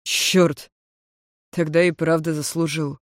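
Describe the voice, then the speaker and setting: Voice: medium pitch, little pitch movement, slow, no room sound, close to an everyday voice. A reader in a near-natural voice plays a blunt, sarcastic young man. He sounds indignant and grumbling, with barely any change from the narrating voice, dry and close.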